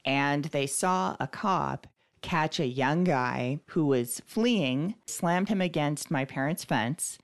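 Very low-voiced woman telling a story. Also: animated, takes it slowly. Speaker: podcast co-host. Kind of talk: casual storytelling chat.

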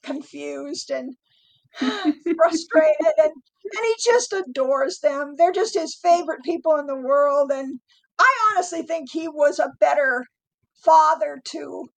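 A middle-aged woman guest telling family stories in a casual chat, animated and laughing often. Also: high voice, slow pace, gravelly, rough recording.

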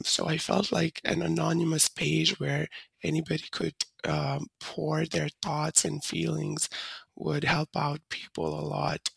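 A young woman from Nepal, a podcast guest whose voice runs through a disguise filter that makes it deeper, talking hesitantly with many fillers and restarts. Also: creaky, pushed and bright, slightly rough, dry recording. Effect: voice disguise filter, pitched down to sound deeper. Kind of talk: interview conversation.

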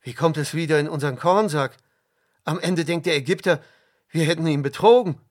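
A man reading aloud, voicing a band of frightened, indignant adult brothers in a storybook with raised, hurried speech. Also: on the high side, voice pushed up, lightly acted.

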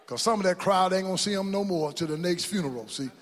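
A man preaching a sermon as pastor, rising into shouts and call-and-response in a church. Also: high-pitched, fast talker, faint music behind. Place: church sanctuary. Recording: long hall reverb.

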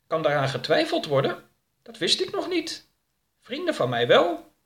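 Man doing a high, innocent oddball youth. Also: huge pitch swings, moderate pace, a bit bright, exaggerated voice. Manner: innocent, eager questions. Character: odd, naive young man, cheerful and literal.

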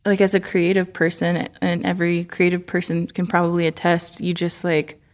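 Relaxed woman from Oklahoma, slightly low voice. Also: normal speed. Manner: relaxed, laughs easily, says "like" often. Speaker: musician guest. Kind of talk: casual interview. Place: studio.

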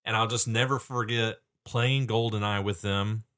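A man's voice: on the low side, steady tone, moderate pace, a bit bright. A man co-hosting a casual gaming podcast, telling fond memories with emphatic, firm opinions. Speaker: podcast co-host. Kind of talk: casual chat.

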